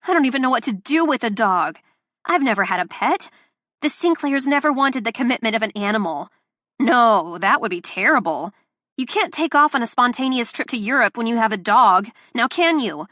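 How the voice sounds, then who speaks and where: A woman voices a young woman in audiobook dialogue, furious and close to tears, ranting shrilly at a high, loud pitch. The clean studio recording has no room sound.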